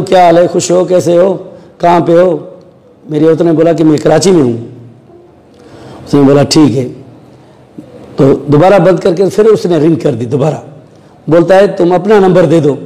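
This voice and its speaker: Male interviewee, high-pitched and warm-toned, narrates events and voices the quoted lines. Long reverb on the recording. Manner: storytelling, acting out quoted dialogue. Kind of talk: recounting events in a news interview.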